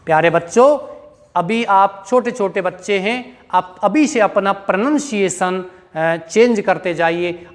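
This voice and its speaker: Slow high-voiced male teacher, echoey hall. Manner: repeats words and asks the class questions; spells out words letter by letter. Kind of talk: classroom grammar lesson.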